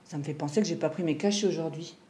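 A woman's voice: low-pitched, fast, dark tone, lightly acted. An actress playing an awkward, subdued wife in her sixties in a naturalistic radio drama, making hesitant small talk in a roomy recording. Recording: roomy, noisy covert-style recording.

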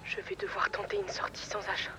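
An actress playing a furtive woman on a secret mission, speaking in a hushed radio drama style. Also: medium pitch, very animated, fairly quick, low-quality recording. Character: furtive woman creeping through store as secret agent.

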